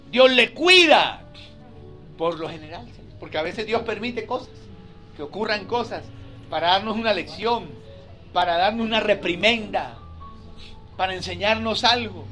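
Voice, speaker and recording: A man preaching a sermon as pastor. He rises to loud, emphatic scripture reading, then drops into soft, chatty storytelling with his listeners. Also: high-pitched.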